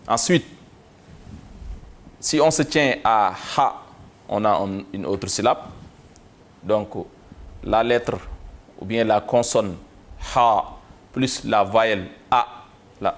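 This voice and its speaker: Slow, low-voiced man teaching syllables. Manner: spells out syllables slowly and repeats them. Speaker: Quran reading teacher. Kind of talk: slow step-by-step reading lesson.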